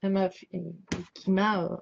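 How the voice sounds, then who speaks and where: A woman with a slight lisp chatting casually as a tarot reader, halting and circling back, often leaving thoughts unfinished. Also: mid-range voice, flat delivery, noisy background. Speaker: tarot card reader giving a reading to followers. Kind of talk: casual rambling chat over a tarot spread. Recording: dull lo-fi sound.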